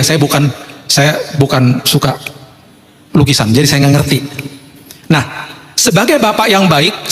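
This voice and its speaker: A man's voice: on the high side, fairly bright tone. A male pastor preaching a sermon, telling a humorous story and acting out the voices in it. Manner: humorous storytelling with acted dialogue. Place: church hall. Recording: echoey church hall.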